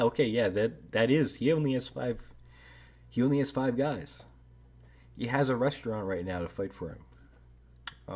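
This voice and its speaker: Deep husky man musing casually. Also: a little mellow. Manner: rambling, hedging, frequent "right?" tags. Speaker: strategy game commentator. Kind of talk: casual video commentary.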